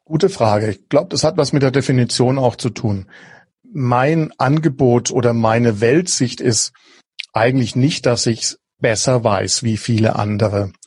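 A husky, dark-toned man from southwest Germany, an innovation coach, is a guest in a podcast interview. He speaks at medium pitch and a measured pace, hesitant, with many fillers and restarts, and there's no echo.

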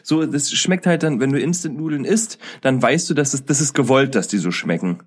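A man's voice: medium pitch, brisk, husky. A young man co-hosting a podcast, talking bluntly and crudely in casual chat. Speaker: podcast co-host.

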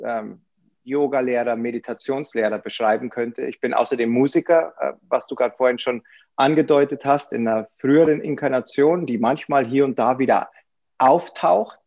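A man's voice: mid-range voice, gravelly, darkish tone, lo-fi sound. A man speaking as a podcast guest, self-mocking and laughing easily in casual interview talk.

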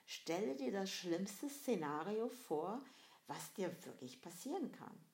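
A woman's voice: medium pitch, very animated, a little slow, vocal fry, darkish tone. A woman giving a reflective motivational monologue, asking the listener direct questions in a conversational way with frequent fillers. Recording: roomy echo.

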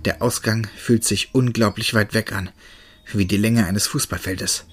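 A man narrating a first-person horror story in a steady, tense manner. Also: fairly low pitch, a little slow, breathy edge, soft background music.

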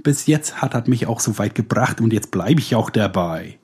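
A man in casual comic banter, asking mock-naive questions in a deadpan way. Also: lowish voice, moderate pace, slightly rough.

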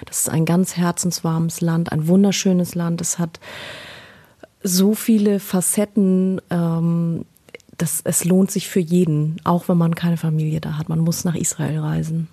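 A woman's voice: lowish voice, little pitch movement, measured pace, warm tone, breathy edge. A woman in her thirties from Germany, answering interview questions in an earnest way, with many hesitations and repeated words. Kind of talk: personal interview.

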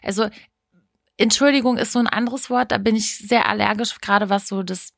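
A woman's voice: mid-range voice, steady tone, brisk, gravelly, dry recording, clean studio sound. A woman co-hosting a podcast in casual chat, reflective and firm in her opinions. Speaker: podcast co-host.

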